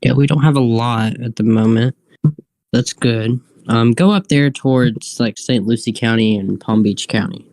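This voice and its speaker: A man with a mid-pitched voice hosts live weather coverage. He speaks off the cuff and haltingly, often circling back over the same phrases as he thinks aloud. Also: darkish tone, soft background music. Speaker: live weather stream host. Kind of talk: unscripted live weather commentary.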